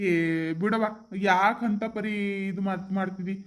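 A performer voicing a calm, kindly village father who sides with his daughter, in a North Karnataka Kannada accent. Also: medium pitch, unhurried, voice pushed down, natural voice. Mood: soothing. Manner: soothing, reasonable. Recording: roomy echo.

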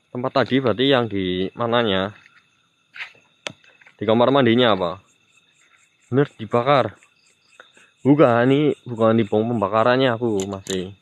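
A live-stream mystery vlogger with a Banyumas Javanese accent and a medium-pitched voice chats with viewers while ghost hunting outdoors at night near a graveyard. He addresses his audience directly and teases a ghost with sing-song calls. Crickets and insects fill the background, with no room sound.

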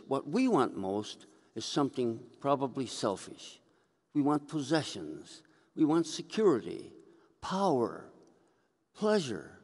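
Standing at a gooseneck lectern mic in an echoing church sanctuary, an older priest preaches in a conversational way, telling stories and gesturing. His voice is a mid-range, slightly mellow one.

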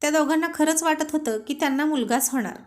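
A woman's voice: high voice, fast. Woman reading a love story aloud. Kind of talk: storybook narration.

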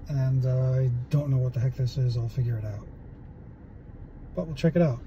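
Sitting in his parked car, a man in his forties does a casual toy review at a normal pace in a mid-range voice, chatty and full of fillers. A phone camera at arm's length picks him up. The audio sounds muffled, with a faint hiss or hum.

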